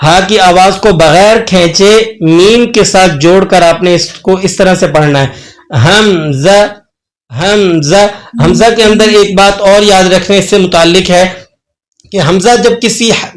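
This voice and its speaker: A man giving a tajweed pronunciation lesson, patiently repeating slow, drawn-out Arabic letter sounds as examples. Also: high voice, fairly even intonation. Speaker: Quran recitation teacher.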